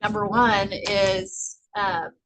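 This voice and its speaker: A woman's voice: medium pitch, steady tone, drawn-out words, a bit bright, slight background noise, low-quality recording. A woman presenting a casual office training session, talking loosely and rambling with many fillers. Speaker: workshop presenter.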